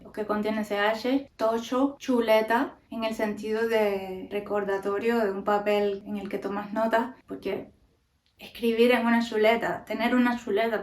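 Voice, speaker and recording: A woman's voice: mid-range voice, darkish tone, recorded from a distance. A woman from Cuba with a Cuban accent, hosting a casual monologue in a wry, opinionated way. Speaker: podcast host. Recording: roomy echo, mic set back.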